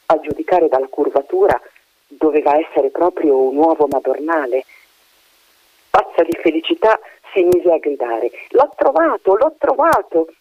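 A man reading a story aloud in an animated way, putting on voices for the characters. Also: on the high side, no room sound. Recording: dull dry recording.

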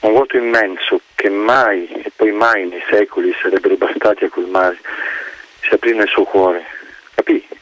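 A man reading a literary story aloud in a solemn, building manner. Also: on the low side. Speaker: narrator. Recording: dull lo-fi radio recording.

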